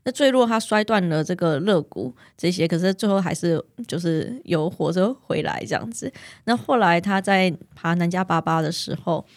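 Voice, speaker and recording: A woman's voice: lowish voice, animated, moderate pace, no room sound, clean studio sound. A woman from Taiwan with a Taiwanese Mandarin accent, telling stories casually as a podcast guest. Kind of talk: casual interview storytelling.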